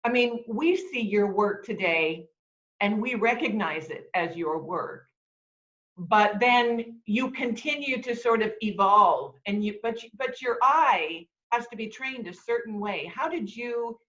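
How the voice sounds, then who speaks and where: A woman interviewer asking slow, searching questions with restarts. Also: fairly high pitch, a bit bright, lo-fi sound.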